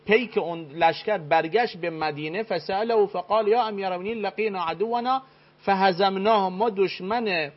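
A man speaking as a studio expert in a debate, firmly citing sources and reading passages aloud. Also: high-pitched. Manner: reads and translates old texts, firm. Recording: dull lo-fi broadcast sound.

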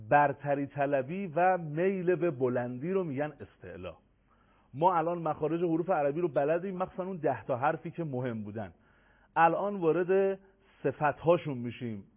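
A man with a fairly high voice gives a recitation lesson over thin, phone-like audio. He speaks patiently, comes back to his points, and stretches out each letter name for the listener to copy. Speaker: Quran recitation teacher. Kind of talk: recorded tajweed lesson.

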